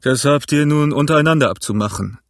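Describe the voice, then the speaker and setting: A man's voice: on the high side, brisk, no echo, studio quality, pitched above the performer's own voice, close to an everyday voice. A man voicing a sly, mocking old pirate cook in an audiobook, talking with jovial sarcasm. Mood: scolding. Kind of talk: audiobook character voice.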